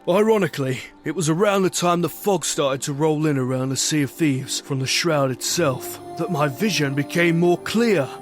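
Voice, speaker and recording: A bearded pirate captain played by a man spins his adventure in a rather high voice over music. He is hearty and boastful, with a wistful streak, and talks in salty dialect like a storyteller in an audio drama. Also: normal speed, hardly any pauses, close to an everyday voice. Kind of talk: scripted pirate adventure narration.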